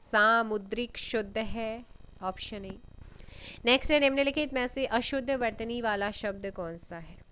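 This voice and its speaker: A woman teaching an exam-prep lesson, reading out questions and giving answers, often clearing her throat. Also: on the high side, pushed and bright. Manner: unhurried, reads questions then gives answers, frequent throat clearing.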